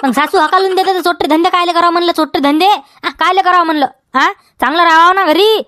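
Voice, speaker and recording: A woman's voice: extremely high pitch, fast talker, a bit bright, no echo, clean studio sound. A woman with a Vidarbha Marathi accent playing a scolding village farmer who nags and keeps tagging questions onto every line, in a comedy sketch. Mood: indignant. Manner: nagging, repeats demands, keeps tagging "हा?". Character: scolding village farmer man guarding his field.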